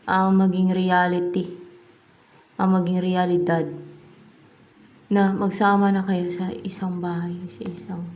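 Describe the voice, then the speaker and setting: A woman with a low, gravelly voice gives a tarot reading to her viewers in a loose, chatty way, thinking aloud as she turns the cards. She drops English words in as she goes. A faint hiss of noise runs under the recording. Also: a little mellow. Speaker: tarot reader.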